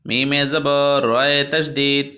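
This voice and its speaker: A man with a Bangladeshi Bengali accent teaching a Quran reading lesson, spelling out each letter and vowel mark before reciting the joined words slowly. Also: a little high, completely flat delivery. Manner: softer, quicker asides to students between drills. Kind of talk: slow step-by-step recitation lesson.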